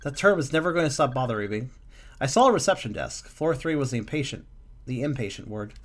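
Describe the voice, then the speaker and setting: Calm man reading a text game aloud. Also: medium pitch, quick pace. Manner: calm, musing reading with small slips.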